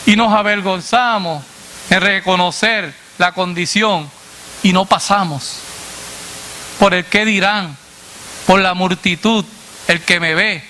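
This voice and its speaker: High, bright-voiced man preaching a sermon. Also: slow pace, long pauses, slight background noise. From Latin America. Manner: call-and-response questions, dropping low on the answer; addresses the congregation directly as brother.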